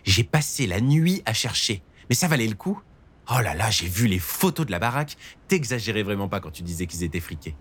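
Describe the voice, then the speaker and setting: A man's voice: fairly low pitch, very animated, a little fast, a bit bright, husky, in a large hall, exaggerated voice. A man voicing a young, crude, teasing nun with casual slangy talk in an audiobook story. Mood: reassuring.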